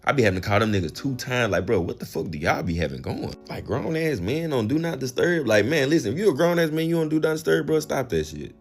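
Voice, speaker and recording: A young man telling a casual, profane dating story in slangy, animated speech. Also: medium pitch, quick pace, hardly any pauses, soft background music.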